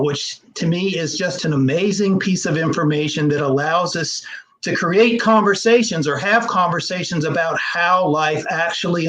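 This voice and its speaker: A man, a historian and genealogist, explaining history over slides in an interview, measured and explanatory with frequent fillers. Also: a little high, fairly bright tone, rough recording.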